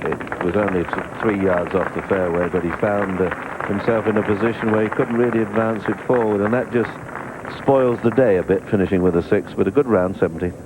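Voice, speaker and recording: A man's voice: on the low side, steady tone, a little fast, noisy background. A man working as a golf commentator, giving live analysis of the shots from an outdoor broadcast.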